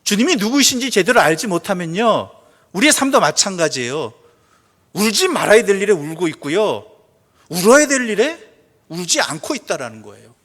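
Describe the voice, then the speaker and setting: A male pastor preaching a sermon, asking the congregation questions, answering them himself, and reading scripture slowly and softly. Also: sits high, sing-song. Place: church sanctuary. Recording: long church reverb.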